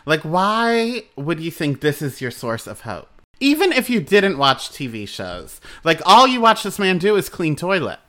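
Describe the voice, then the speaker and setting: A man's voice: fairly high pitch, very animated, measured pace, few pauses, a bit bright. A man co-hosting a podcast, chatting casually about a book in a playful, giggly, teasing way. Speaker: podcast co-host. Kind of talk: casual book-review chat.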